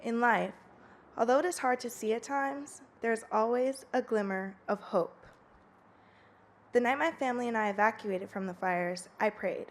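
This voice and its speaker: A woman's voice: fairly high pitch, moderate pace. A young woman in her late teens, a student speaker, delivering a prepared public speech in an earnest, heartfelt way, reading steadily.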